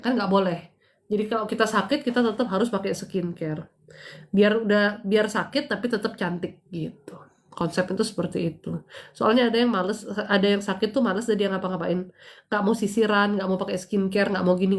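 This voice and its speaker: A woman in her thirties talks through a casual live stream, moving between spiritual advice and playful gossip. She punches her main points with emphatic bursts, then drops back into easy, teasing chat. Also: medium pitch.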